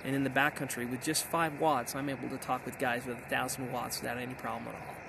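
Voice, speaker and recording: The voice is a man's: medium pitch, creaky, flat in delivery and quick in pace. He is a middle-aged American ham radio vlogger summarizing with casual enthusiasm out in hilly backcountry, with outdoor noise in the background.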